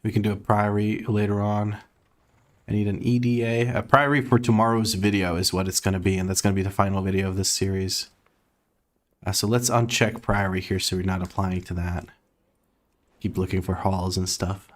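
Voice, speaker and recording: Brief: American-accented male streamer, slightly low voice, loose and talkative, frequent laughs and casual swearing. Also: little pitch movement, normal speed. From Croatia. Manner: chatty, laughs often, swears casually, reads chat aloud. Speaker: gaming streamer. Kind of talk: casual live-stream chat while gaming.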